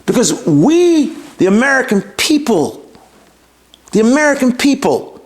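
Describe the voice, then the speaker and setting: A man hosting his show, giving an emphatic opinion monologue, repeating himself for stress and firing rhetorical questions at his listeners. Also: high voice. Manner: talks straight to the audience with rhetorical questions. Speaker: podcast host.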